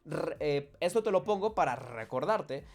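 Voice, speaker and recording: A man's voice: on the high side, expressive, gravelly, darkish tone. Chatty man teaching English. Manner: chatty and encouraging, slows down to model English phrases. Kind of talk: casual online lesson.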